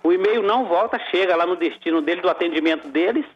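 A man with a notably high voice calls into a radio show, heard over the phone. His speech comes through muffled and lo-fi, and he stalls and repeats words as he lays out his complaint. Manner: halting, repeats words while searching. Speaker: caller. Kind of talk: casual call-in complaint. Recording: dull phone-line sound on a radio show.

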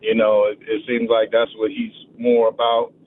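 A man calling in to a sports radio show over the phone, talking casually with many halting fillers. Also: fairly low pitch, completely flat delivery. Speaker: caller. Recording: tinny phone line with faint noise.

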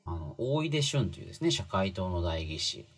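A man's voice: sits low, sing-song, moderate pace, a bit bright, breathy edge. A man talking casually through a book's lessons, chatty and full of fillers, stressing key phrases. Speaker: commentator explaining a book. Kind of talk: casual spoken explainer.

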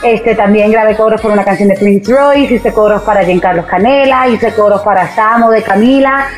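A Puerto Rican woman in her thirties, a singer, chatting as a guest in a podcast interview, lively and using the filler "este". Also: medium pitch, moderate pace, faint music behind. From Puerto Rico. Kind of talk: conversational interview.

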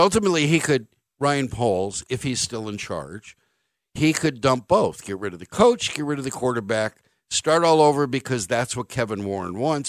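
A man in his fifties hosts sports talk radio from a studio, his voice sitting on the low side with no echo and picked up by a studio microphone. He cracks wry, sarcastic jokes and wanders off into rambling anecdotes.

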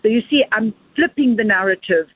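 A woman's voice: on the high side, fairly quick, husky, no echo. A woman filmmaker answering interview questions at length, earnest and expansive, often repeating words as she thinks. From South Africa. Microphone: phone call. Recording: tinny phone line, dry.

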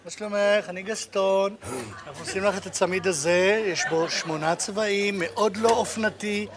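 A man's voice: sits high, steady tone, crowd noise, lightly acted. A man playing a chirpy salesman. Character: cheerful male salesman offering ugly items. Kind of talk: comedy sketch.

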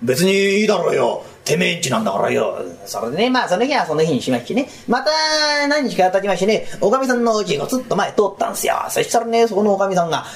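A man voicing Kuma, a bumbling, smitten Edo townsman who rambles sheepishly in rough street speech, in rakugo storytelling. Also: sits high, very animated, fast, few pauses. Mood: rambling.

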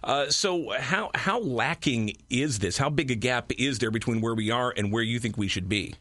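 An American man with a mid-pitched voice hosts a conversational interview. He feels his way into questions, haltingly repeating words. The recording is dry, with hardly any room sound. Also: a bit bright, dry recording. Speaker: program host and interviewer.

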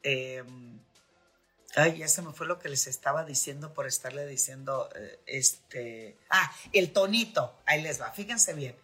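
A woman's voice: low-pitched, unhurried, fairly bright tone, husky, soft background music. A middle-aged woman with a Mexican accent hosting a podcast, giving frank, chatty advice with many fillers. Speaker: host.

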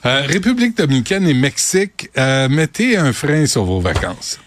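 Québécois male host, lively, teasing, faint noise. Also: mid-range voice. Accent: Québécois French. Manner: teasing, quick interjections. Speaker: radio host. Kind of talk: casual talk radio.

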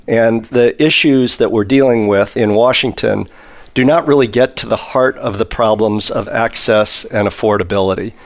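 A man on an interview panel speaking for the industry, thinking aloud in long, winding answers with many pauses. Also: on the low side.

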